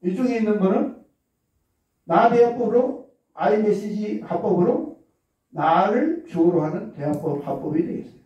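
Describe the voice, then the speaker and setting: A man's voice: high-pitched, lively intonation, moderate pace, long pauses, warm tone. A man giving an explanatory lecture on communication, checking in with his listeners as he goes. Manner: explanatory, checks in with listeners, acts out example lines. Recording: very echoey, distant, dull lo-fi.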